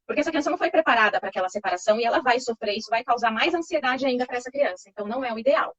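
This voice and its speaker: A woman, calmly explaining baby development as an interview guest, reassuring and patient, often checking in with tag questions. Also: a little high, very fast, slightly rough, dry recording. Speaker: child development expert guest. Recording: slightly muffled lo-fi recording.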